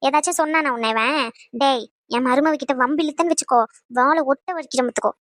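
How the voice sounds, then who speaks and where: A woman's voice: sits high, fast talker, fairly bright tone, no room sound, clean studio sound. A woman voicing a scolding older mother-in-law who fiercely protects her daughter-in-law and blusters at her son.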